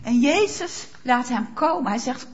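A woman's voice: sits high, expressive, a little slow, highs cut off. A woman preacher giving a sermon, speaking emphatically and asking rhetorical questions of her listeners. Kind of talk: sermon with Bible reading.

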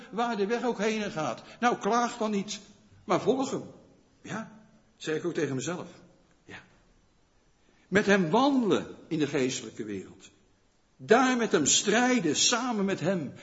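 A man preaching a sermon in a conversational way, often asking the congregation questions and checking in with a quick "yes?". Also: high-pitched. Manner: rhetorical questions to the listeners. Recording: long church reverb, dull lo-fi sound.

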